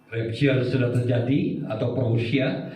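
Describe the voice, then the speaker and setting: A man preaching a sermon as pastor, swinging from low murmurs to high shouted outbursts. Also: steady tone, measured pace. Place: church hall. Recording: echoey church hall, preacher far from mic.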